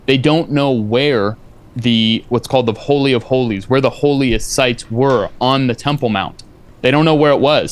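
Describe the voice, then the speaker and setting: A man in a heated debate, talking insistently in a lecturing way and cutting in with repeated no's. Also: medium pitch. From family from Eastern Europe. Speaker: debate guest.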